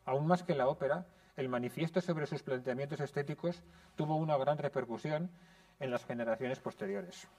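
A man giving a prepared lecture in a conservatory classroom, speaking in a measured, explanatory way. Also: a little high, a little mellow, distant mic.

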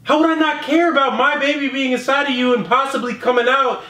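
A man's voice: extremely high pitch, fairly even intonation, quick pace, pushed and bright. A young man in an emotional, confrontational conversation, picked up by a distant camera microphone in a bedroom. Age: young adult. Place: small bedroom, indoors. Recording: roomy echo from distant camera.

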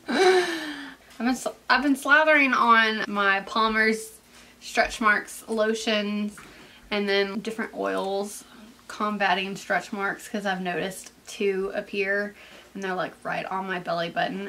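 Breathless, chatty young woman with a bright voice. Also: medium pitch, steady tone, a little slow, slight background noise. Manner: chatty and rambling, full of "like" fillers. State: congested from sinus allergies. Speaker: vlogger. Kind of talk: casual pregnancy update vlog.

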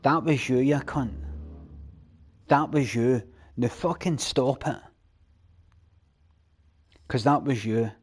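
A man streaming a video game live, talking straight to his chat with deadpan, mock-exasperated scolding and plenty of swearing. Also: medium pitch, slow pace, pauses often, husky. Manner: addresses chat readers directly, swears freely.

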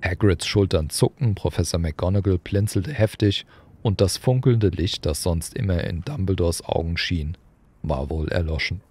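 A man reading a children's audiobook aloud in an expressive storytelling manner. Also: sits low, normal speed, husky. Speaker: audiobook reader. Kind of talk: audiobook narration.

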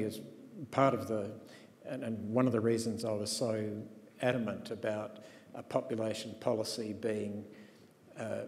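A man with a fairly low, darkish voice, a demographer on a conference panel, speaks hesitantly with frequent restarts and fillers during the panel discussion. He is recorded on a stage in a large hall, with long reverb and faint room noise.

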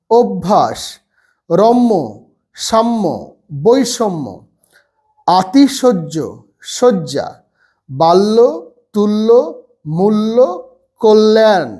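A man, seated, teaches a children's reading lesson and reads out word lists slowly and patiently. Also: sits high, warm tone. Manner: slow, patient word-by-word drilling. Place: seated at a table.

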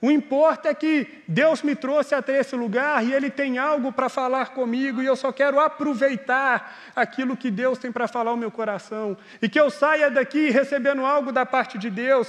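A high-pitched male pastor, preaching in a loose, conversational way. He mocks himself and acts out both sides of his stories. His voice rings through a large church hall with a long reverb tail. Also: a bit bright. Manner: conversational, self-mocking, acts out dialogue. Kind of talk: sermon with personal storytelling.

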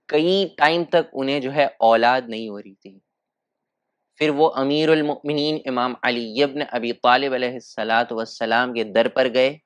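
A man's voice: mid-range voice, clean tone, no room sound. Male preacher, mid voice, impassioned storytelling, dry close sound. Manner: impassioned storytelling, rising to emotional peaks. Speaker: lecturer. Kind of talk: Muharram religious lecture.

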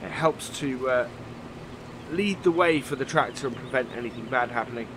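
In a voice-over for a farming game, a let's play host commentates casually and thinks out loud, filling gaps with many fillers. His voice is medium-pitched and a little nasal because a cold is coming on, his pace moderate, and the game's vehicle noise is clearly heard.

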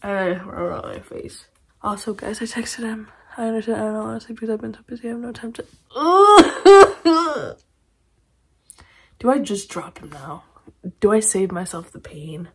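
A young woman chatting casually through a get-ready-with-me vlog at home, laughing often and slipping into soft whispers. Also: medium pitch, fairly quick, noisy background. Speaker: beauty vlogger.

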